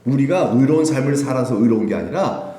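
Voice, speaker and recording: A male pastor preaches to his congregation, his pitch rising and falling freely as he throws out question after question and breaks into laughter. His voice sits at an ordinary middle pitch. The sound rings around the open space of the church hall. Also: brisk. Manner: lively, asks the congregation many rhetorical questions; laughs often while preaching. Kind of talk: sermon. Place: church sanctuary.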